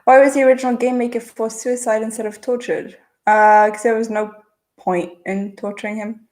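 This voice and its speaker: On her channel's livestream, a woman reads viewer questions aloud and answers them casually. Her voice is medium-pitched and a little mellow, her accent a mixed international-school one, and she's chatty, answering quickly with plenty of "uh" and "um" fillers.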